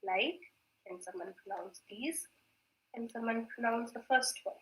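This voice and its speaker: Slow-speaking woman teacher, echoey room. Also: fairly high pitch. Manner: patient, repeats words slowly, mixes in Hindi; clears throat often. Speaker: Korean language teacher. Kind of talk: online grammar class.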